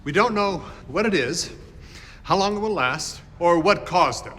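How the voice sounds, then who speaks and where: An actor playing an anxious male afterlife architect who swings between excitement and fretting. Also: sits high, a little slow, full character voice. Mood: excitable.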